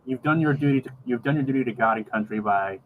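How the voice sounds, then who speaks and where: A middle-aged man chatting casually on a video call, rambling and halting, often repeating words as he gathers his thought. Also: medium pitch. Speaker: podcast co-host. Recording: dull lo-fi video call, faint background noise.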